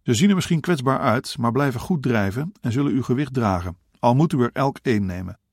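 A man's voice: medium pitch, lively intonation, a little fast, slightly rough, no room sound, studio quality. A man playing a burly, bearded middle-aged boatman who gives practical, reassuring advice. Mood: matter-of-fact. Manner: matter-of-fact, reassuring.

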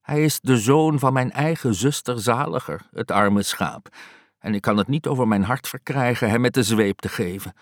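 A man voicing a fussy, soft-hearted old aunt who scolds in a shrill, exasperated way, in an audiobook reading. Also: normal speed, no room sound, clean studio sound, lightly acted.

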